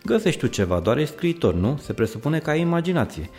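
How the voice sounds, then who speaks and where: A man voicing a bossy mother who gives sharp, commanding orders. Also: a little high, big pitch swings, faint music behind, voice pushed up.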